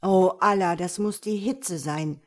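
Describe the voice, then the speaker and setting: A humble, hapless young man cries out his woes in a loud, emotional voice, as a woman reading a fairy tale puts him on. His pitch sits in the middle. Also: unhurried, lightly acted. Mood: exasperated.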